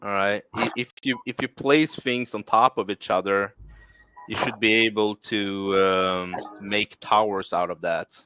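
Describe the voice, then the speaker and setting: A man with a Swedish accent hosts a livestream in an easygoing way, filling gaps with "uh" and "um". His low voice has a crisp, resonant clarity with a bright edge. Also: steady tone, no room sound. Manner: easygoing, fills pauses with "uh" and "um". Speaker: game jam organizer and host. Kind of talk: casual livestream talk.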